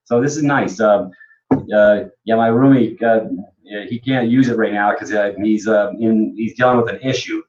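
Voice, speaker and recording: A man's voice: lowish voice, moderate pace, a crowd in the background. A man hosting a casual talk show who speaks hesitantly, with many ums and uhs. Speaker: host. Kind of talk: casual chat. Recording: dull lo-fi sound.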